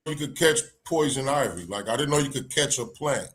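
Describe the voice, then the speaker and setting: A man's voice: medium pitch, animated, a little fast, a bit bright. A man co-hosting a live online talk show, speaking casually and handing out laid-back, street-wise advice. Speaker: co-host.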